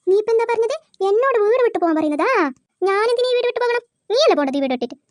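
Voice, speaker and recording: A woman's voice: very high voice, very animated, very fast, darkish tone, no echo, studio quality. A woman voicing a bossy, self-pitying old mother-in-law in a cartoon, scolding and sarcastic as she complains. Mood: angry. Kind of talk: cartoon voice acting.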